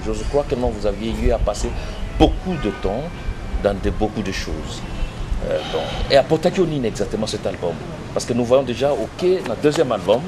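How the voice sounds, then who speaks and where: A man hosting an interview and asking halting questions with many fillers. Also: on the low side, background noise. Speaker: host.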